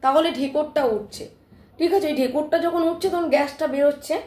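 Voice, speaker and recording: Woman live-streamer, high voice, sore throat, animated storytelling, echoey room. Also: brisk. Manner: animated, emphatic retelling with frequent "ঠিক আছে?" check-ins.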